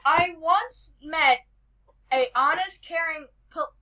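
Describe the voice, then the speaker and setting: Host woman, high and sharp, reads jokes over a voice call, trips over lines. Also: slow, highs cut off. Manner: reads jokes aloud, stumbling and restarting. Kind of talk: casual joke-reading challenge.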